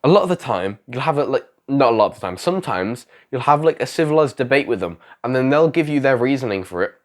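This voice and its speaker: Speaking directly to camera in a casual talking-head vlog, a young YouTuber gives advice to fellow creators while sick, his voice failing. He rambles, repeats phrases, and restarts sentences, his mid-range voice fast and lively.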